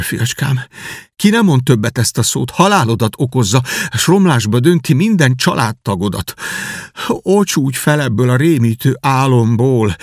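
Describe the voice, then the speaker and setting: A man's voice: medium pitch, no echo, studio quality. A man voicing a poor, grieving mother who laments and pleads with her son. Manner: lamenting, imploring.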